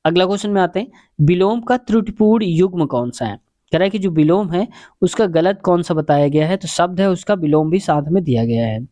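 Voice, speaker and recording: A man's voice: high voice, lively intonation, brisk, warm tone, dry recording. A man explaining exam questions in a casual lesson, chatty and repetitive, calling his viewers friends. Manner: chatty, repeats answers, addresses viewers as friends. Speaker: exam-prep teacher.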